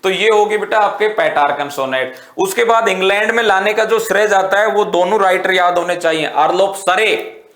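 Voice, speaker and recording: High-voiced male teacher, echoey room. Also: normal speed, a bit bright. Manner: quizzes students with rhetorical questions, calls them "beta"; mixes Hindi with English terms. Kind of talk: exam-prep literature lecture.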